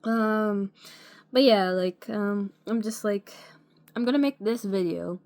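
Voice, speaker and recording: A woman's voice: mid-range voice, slow pace, a little mellow. A woman talking casually to the camera in a rambling way, full of fillers and restarts. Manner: rambling, many fillers, frequent "like" and "you know". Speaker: vlogger.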